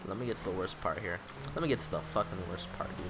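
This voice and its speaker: A man's voice: sits low, animated, quick pace, background noise. A young man in his late teens ranting in a rambling, exasperated vlog monologue, swearing constantly. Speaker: vlogger.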